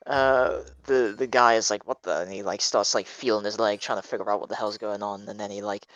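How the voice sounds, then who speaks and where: A man's voice: on the low side, steady tone, a little fast, a bit bright, no room sound, lo-fi sound. A man narrating a tabletop game as dungeon master, hesitant and full of fillers.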